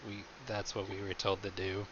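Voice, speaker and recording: A man's voice: deep voice, completely flat delivery, moderate pace. A man playing in a tabletop game, speaking in a dry, matter-of-fact way. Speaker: player. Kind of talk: tabletop role-play chat. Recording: dull mic with clear hiss.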